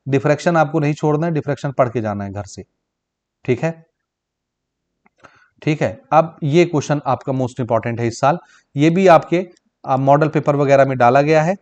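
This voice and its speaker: Man with a Chhattisgarh Hindi accent, physics exam-prep lesson, brisk and familiar, slightly high voice. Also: a little mellow. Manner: brisk, addresses students as brother and child. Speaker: physics teacher.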